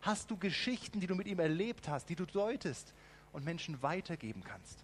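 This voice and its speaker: A man preaching a lively sermon, asking the congregation direct questions and adding ironic asides. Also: high voice, normal speed, slight background noise.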